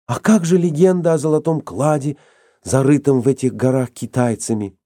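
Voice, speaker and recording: A man's voice: mid-range voice, moderate pace, no room sound, studio quality, natural voice. Man putting on an eager young woman. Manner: excited, insistent.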